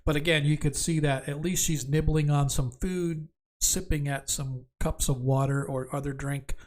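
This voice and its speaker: A man narrating a tabletop fantasy game as game master, improvising descriptions in a halting way. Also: fairly high pitch, fairly even intonation.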